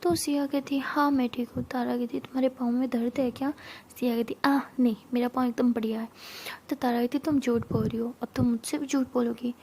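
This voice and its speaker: A woman narrating a love story in a soft, casual, half-whispered storytelling manner. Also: high-pitched, steady tone, a little fast.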